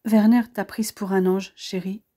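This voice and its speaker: A woman voicing a young male officer, anxious and devoted, speaking softly and from the heart. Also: medium pitch, flat delivery, measured pace, lightly acted. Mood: heartfelt.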